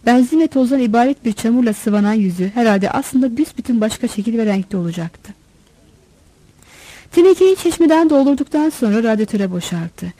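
A woman reading a story aloud in a steady, measured way. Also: fairly high pitch, dry recording, poor audio. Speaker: narrator.

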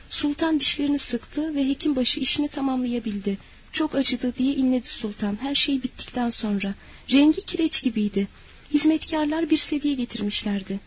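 A woman narrating a historical novel as an audiobook, in a measured, dramatic storytelling manner. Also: high-pitched, slight background noise, rough recording.

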